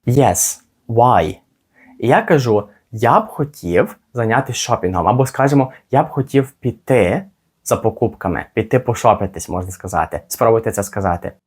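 A man teaching a spoken English lesson, modelling phrases slowly and carefully for listeners to repeat. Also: mid-range voice, lively intonation, darkish tone, slightly rough.

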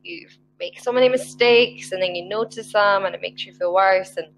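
A woman's voice: mid-range voice, moderate pace, low-quality recording. A young Scottish woman tutoring English over a video call, friendly and reassuring as she talks. Her voice comes through a headset mic, with a faint hum underneath. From Scotland. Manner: friendly, reassuring, laughs easily. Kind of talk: casual video call chat. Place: small indoor room.

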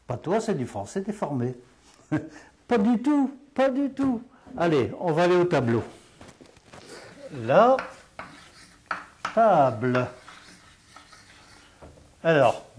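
This dialect teacher is a man whose televised lesson moves at an unhurried, deliberate pace. Patiently he explains every word, says it again, and answers the questions he puts to himself, all in a didactic style. His voice has a medium pitch and a darkish tone.

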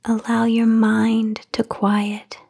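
A woman whispering a guided sleep meditation, slow and soothing with long pauses. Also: a little high, completely flat delivery, vocal fry, dark tone, breathy edge.

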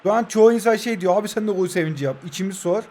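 High-voiced young man, heated game commentary. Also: rapid-fire, darkish tone, slight background noise. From Turkey. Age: 20s. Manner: heated, urging players on, trash-talking the opponent. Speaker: mobile football gamer. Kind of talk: live gameplay commentary.

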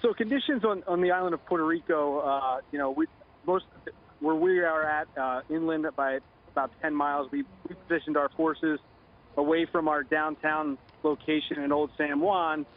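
A middle-aged man giving a halting official briefing in a live news interview over the phone. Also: a little high, steady tone. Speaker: Coast Guard commander, phone interviewee. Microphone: phone line. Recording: dull lo-fi phone line.

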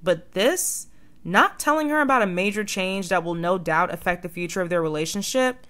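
A woman's voice: fairly low pitch, expressive, normal speed, fairly bright tone. A young woman in her twenties narrating a video essay with sardonic, opinionated commentary.

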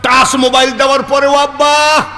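A middle-aged man from Bangladesh giving a humorous sermon. He tells stories and acts out dialogue in an animated, joking manner. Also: very high-pitched, normal speed, reverberant, big-room sound. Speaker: preacher. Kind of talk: humorous Islamic sermon with storytelling.

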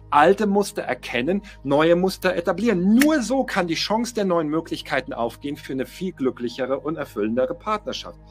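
A middle-aged man coaching his listeners with an emphatic, motivational drive, hammering home key phrases by repeating them. His voice sits slightly high and has a husky, breathy edge. Soft music plays faintly underneath. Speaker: life coach.

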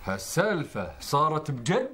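A man's voice: a little high, very animated, normal speed, fairly bright tone. A man playing a guest, accusing the storyteller of killing his cousin. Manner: Bedouin speech, angry then laughing. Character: Bedouin man whose cousin was drowned. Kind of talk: TV comedy sketch acting.

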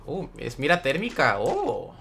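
A young man talks through a live game stream, greeting viewers by name and reading their chat out as he plays. His voice sits high and bright, light and forward. He keeps up a loose, friendly patter. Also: wildly swooping pitch, unhurried, gravelly, a little hiss or hum. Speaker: gaming streamer.

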